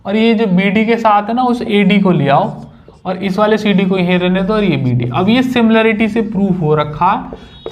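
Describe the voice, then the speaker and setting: A young man teaching a maths lesson at a whiteboard, chatty and casual, joking with his students. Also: high voice.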